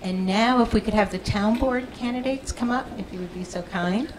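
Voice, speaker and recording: A woman's voice: medium pitch, normal speed, noisy background. A woman with a New York accent moderating a town debate in a friendly, self-deprecating way.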